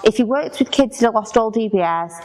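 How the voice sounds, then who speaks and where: Lively, high-voiced woman, blunt. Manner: blunt, opinionated, quick to laugh. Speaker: podcast co-host. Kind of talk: casual chat.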